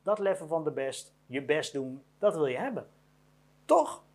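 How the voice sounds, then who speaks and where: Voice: medium pitch, very animated, measured pace, darkish tone. A business owner giving a blunt motivational monologue about career advice, repeating each point to hammer it home.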